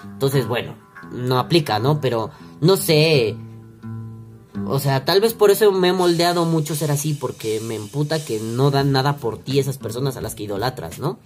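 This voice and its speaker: A man's voice: medium pitch, expressive, moderate pace, faint music behind. A young Mexican man with a Mexican accent, telling a story in a crude, slang-filled, rambling vlog monologue. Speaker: vlogger.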